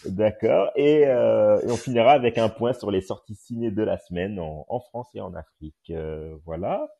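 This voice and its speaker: A man with a very low, mellow, slightly husky voice hosts a casual live podcast room. He talks haltingly with frequent filler sounds, and he is picked up by a phone mic on an audio chat app. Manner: hesitant, many filler sounds. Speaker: podcast host and journalist.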